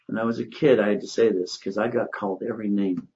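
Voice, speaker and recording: An older man, a credit consultant, giving an emphatic, preachy motivational monologue that swings between loud and hushed. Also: fairly low pitch, steady tone, quick pace, muffled recording.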